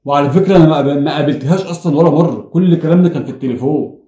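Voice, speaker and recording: A man's voice: on the high side, very fast, dark tone, reverberant. A man with an Egyptian Arabic accent, pleading with his wife in a prank vlog, swearing oaths and stumbling over his words. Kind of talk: emotional pleading, then casual joking.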